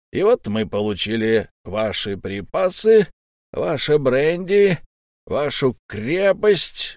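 Audiobook: male narrator plays a silky old pirate captain, raised voice, lively, friendly on top and threatening below. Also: fairly high pitch, dry recording, clean studio sound, voice pushed up. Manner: mock-friendly, coaxing, menacing underneath.

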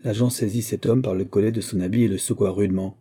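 A man reading a novel aloud as an audiobook, in steady, measured narration. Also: lowish voice, breathy edge. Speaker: audiobook reader. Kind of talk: scripted narration.

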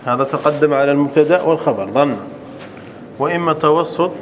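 A man, a sheikh, giving a classroom lesson on Arabic grammar, slowing down to spell out example sentences and often checking if it is clear. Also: a little high, a little hiss or hum.

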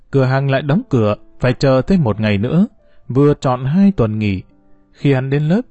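Deep, warm-voiced male narrator. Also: dry recording. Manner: calm, measured storytelling. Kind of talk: audiobook reading of a novel. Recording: dull, slightly muffled recording.

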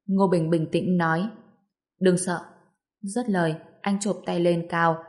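Steady woman audiobook narrator. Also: on the low side. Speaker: storyteller.

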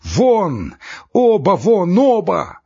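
A man voicing a middle-aged male doctor who is nervous and breaking down, with a husky voice and shrill, tearful shouting. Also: expressive, a little slow, highs cut off, full character voice. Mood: furious.

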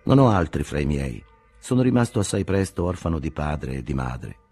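A man's voice: extremely low pitch, expressive, moderate pace, mellow, breathy edge, soft background music, voice pushed down, exaggerated voice. A man voicing a young, earnest German engineer explaining himself patiently in an audiobook reading. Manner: earnest, explanatory, slightly defensive.

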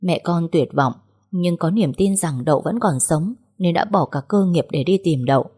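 A woman voicing a grieving middle-aged father in an audiobook, speaking in a plain, even way. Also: on the low side, moderate pace, breathy edge. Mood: grave.

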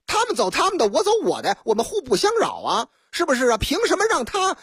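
A woman's voice: high voice, wildly swooping pitch, fast, fairly bright tone, no echo, studio quality, exaggerated voice. A woman voicing a brash, reckless mother who argues she may cross against the light, talking in a defiant, self-justifying way.

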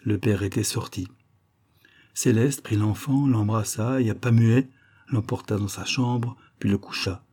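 A male narrator reading a classic story aloud in a low, husky voice. His tone is dark and mellow, and his delivery is measured and expressive throughout. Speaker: audiobook narrator. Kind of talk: scripted narration.

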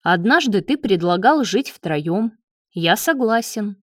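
A woman's voice: medium pitch, lively intonation, slow, no room sound, studio quality. A woman voicing a sneering, scheming young man. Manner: sneering, taunting.

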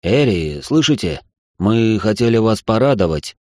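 A woman putting on a deep-voiced gentle nobleman. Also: animated, measured pace, no echo, clean studio sound. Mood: soothing. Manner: soft, coaxing, embarrassed. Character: gentle flustered nobleman, a widowed father.

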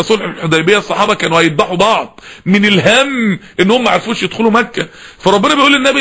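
A man's voice: sits high, sharp tone. A middle-aged man preaching an impassioned sermon in an Egyptian accent, scolding his listeners with rhetorical questions. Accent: Egyptian Arabic. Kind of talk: fiery sermon.

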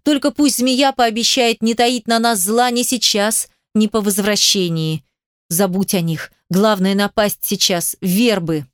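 A woman's voice: mid-range voice, fairly even intonation, measured pace, no room sound, clean studio sound, natural voice. Young male retainer, loyal and anxious, raised urgent pleading, woman reader.

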